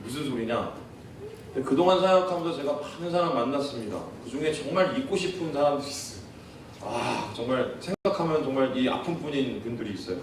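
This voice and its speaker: A man's voice: medium pitch, lively intonation, fast talker, background noise. A man preaching a sermon as pastor, earnest, often turning to the congregation with questions and acting out quoted prayers. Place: church sanctuary. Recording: echoey church hall, far from the mic.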